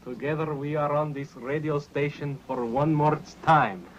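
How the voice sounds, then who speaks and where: A man playing a bossy, childlike drill-instructor pal with halting, odd phrasing in a radio comedy sketch. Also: fairly high pitch, steady tone, a little hiss or hum, lightly acted. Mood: chummy. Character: bossy, childlike male drill-instructor buddy in broken English. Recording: dull lo-fi radio recording.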